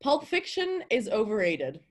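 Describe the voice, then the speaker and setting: Slow-talking young woman host. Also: fairly high pitch, wildly swooping pitch. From Belgium. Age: young adult. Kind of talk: casual video call chat.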